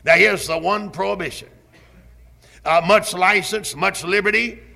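A man preaching with a heavily gravelly, sharp-edged voice that sits somewhat high. He drives his points home emphatically, with slow, deliberate repetitions. He has the cadence of a pastor in the pulpit. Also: steady tone. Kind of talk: sermon.

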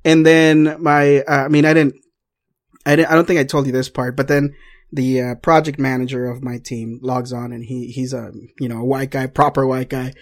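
A man's voice: mid-range voice, flat delivery, normal speed. A man telling a story in casual chat, swearing and laughing often, switching between English and Spanish. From Mexico.

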